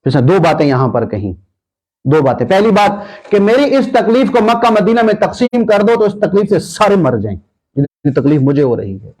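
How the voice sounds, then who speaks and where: A man preacher delivers a sermon full of dramatic storytelling. He swings from loud to quiet, and his voice sits a little high. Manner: animated, swings between loud and soft.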